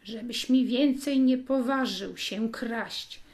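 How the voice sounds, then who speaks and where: A woman voicing a stern, angry father who punishes his son, speaking loudly and commandingly. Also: on the high side, slow. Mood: furious.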